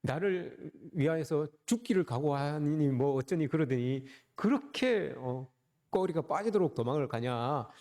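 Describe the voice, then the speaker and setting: A pastor voicing an exasperated scolding teacher. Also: male voice, a little high, expressive, measured pace, warm tone, in a large hall. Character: exasperated male teacher scolding his followers.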